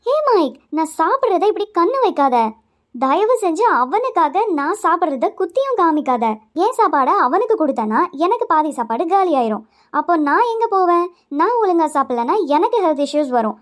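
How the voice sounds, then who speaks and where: Someone doing a whiny high-pitched schoolkid. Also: very animated, fairly quick. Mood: indignant. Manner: whiny and emotional, bright and loud. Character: selfish schoolkid Jess who learns to share. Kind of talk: kids puppet show acting.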